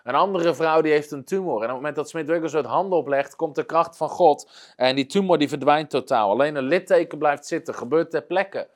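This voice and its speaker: A man's voice: a little high, fairly quick. A man preaching, retelling a story earnestly, with frequent hesitations. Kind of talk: storytelling sermon.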